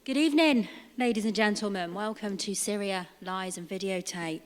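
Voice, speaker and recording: A woman's voice: medium pitch, normal speed, slight background noise. A woman opening an event with a formal, reflective welcome speech. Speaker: event host. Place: public hall. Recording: long hall reverb.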